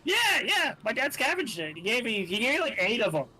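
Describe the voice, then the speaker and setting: Male player, high bright voice, eager and repetitive, faint music. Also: sing-song, a little fast, husky, rough recording. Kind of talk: tabletop role-play in character.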